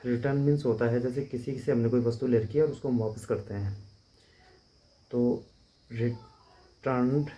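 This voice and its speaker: A man teaching English vocabulary in a steady, repetitive drill, spelling words out letter by letter. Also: medium pitch, moderate pace. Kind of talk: vocabulary lesson. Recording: dull lo-fi recording.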